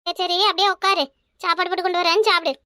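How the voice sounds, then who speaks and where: A woman's voice: very high voice, flat delivery, rapid-fire, sharp tone, no echo, studio quality. A woman voicing a soothing, placating young village woman in a cartoon, speaking with a Kanyakumari Tamil accent. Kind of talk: cartoon voice acting.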